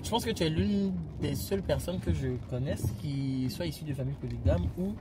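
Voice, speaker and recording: Male host, teasing and lively, higher voice, recorded in a car with heavy road noise. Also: a little fast. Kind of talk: casual interview chat. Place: inside a car.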